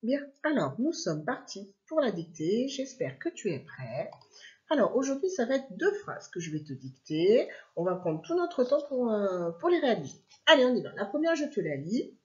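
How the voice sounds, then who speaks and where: A woman teacher giving a dictation to young children, slowly stretching out each word and spelling out letters. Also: a little high, very animated, darkish tone, highs cut off. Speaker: primary school teacher.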